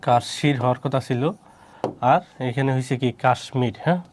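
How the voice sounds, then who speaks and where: A man's voice: medium pitch, fairly quick, background noise. A man, teaching pronunciation rules and asking himself rhetorical questions as he walks through repeated example words. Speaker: Bengali language teacher. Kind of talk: explaining pronunciation rules to students.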